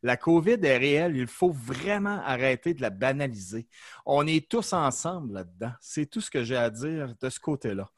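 A man's voice: mid-range voice, expressive, moderate pace, dry recording, studio quality. A man hosting a casual bilingual podcast, speaking hesitantly with many fillers. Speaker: podcast host.

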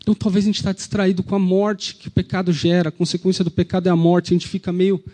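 A man's voice: high-pitched, flat delivery, fast talker, mellow. A man with a Brazilian Portuguese accent, preaching an Easter sermon as a pastor, retelling the story and asking the congregation rhetorical questions.

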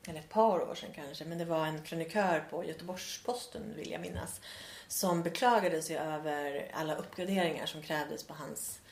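A woman in casual conversation who talks thoughtfully, pausing and restarting her sentences often. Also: sits low. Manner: thoughtful, many hesitations and restarts. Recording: roomy echo.

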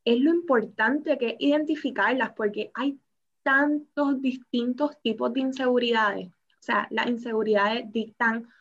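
Woman host, reflective and affirming, slightly high voice, muffled podcast sound. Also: a little slow. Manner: warm affirming interjections, reflective. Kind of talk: podcast conversation. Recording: slightly dull podcast audio.

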